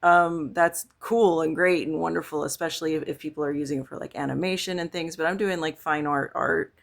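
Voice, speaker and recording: A woman with a hoarse morning voice, chatting in a rambling way as she walks through her digital painting app. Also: deep voice, fairly even intonation, brisk. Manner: chatty and rambling, lots of ums and asides. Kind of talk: casual screen-share demo vlog.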